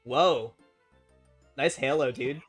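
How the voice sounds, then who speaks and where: A woman's voice: extremely low pitch, slow, slightly rough, faint music behind, exaggerated voice. A woman game master voicing a laid-back young man who talks in easygoing slang. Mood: chill. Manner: relaxed slangy drawl. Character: laid-back young man neighbor, surfer-dude talk.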